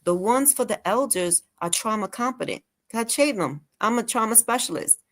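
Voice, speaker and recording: A woman guest on an interview show, talking persuasively and animatedly, firing off rhetorical questions and sometimes slowing her voice on purpose. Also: a little high. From Latin American heritage. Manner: animated, asks rapid rhetorical questions, deliberately slows her voice at times. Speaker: guest, care and virtual assistant business owner.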